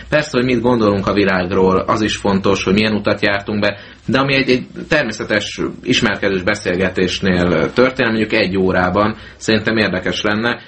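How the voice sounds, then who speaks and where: A low-voiced man co-hosting a casual talk radio show, blunt and cynical with crude asides. His speech is often hesitant, with fillers and restarts. The recording is low-bitrate mono. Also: fairly bright tone.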